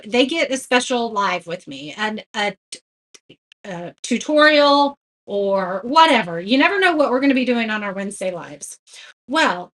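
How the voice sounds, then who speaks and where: A woman's voice: sits high, fairly bright tone. A woman hosting a casual live painting tutorial, chatting with viewers and greeting them by name. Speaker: craft tutorial host.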